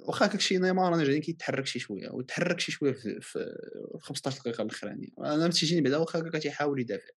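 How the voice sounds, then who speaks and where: A man's voice: a little high, rapid-fire, few pauses, slightly rough. A man with a Moroccan accent in a casual football debate, insistently repeating himself and dropping in many French phrases.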